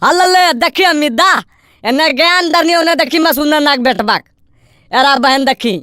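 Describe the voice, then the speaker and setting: A woman's voice: sits high, unhurried, pushed and bright, dry recording, studio quality. A woman with a Magahi accent acting in a village comedy skit, quarrelling and complaining.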